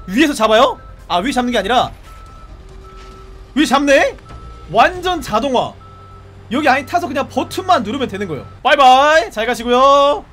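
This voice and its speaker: A man giving playful, animated live commentary while streaming a police game, often shouting commands at the game's characters. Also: extremely high pitch.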